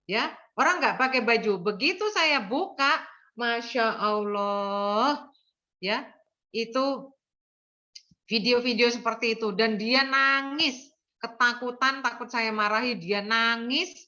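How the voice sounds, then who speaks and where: An older woman who lectures in nursing speaks slowly in a fairly high, sharp voice, and the audio sounds dull. Her talk is earnest and packed with anecdotes, and she keeps checking in with her audience, often ending sentences with "ya."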